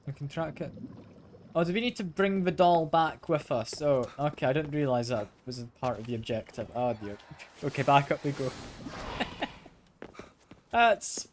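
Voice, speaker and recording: A man giving casual, unhurried video game commentary, often muttering questions to himself as he plays. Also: fairly high pitch, slight background noise. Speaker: video game streamer narrating own play.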